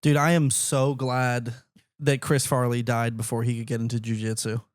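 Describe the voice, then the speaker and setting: A man's voice: mid-range voice, flat delivery, normal speed, no room sound, clean studio sound. A man co-hosting a podcast in casual, jokey chat, often mimicking people in a cocky voice. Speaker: podcast co-host.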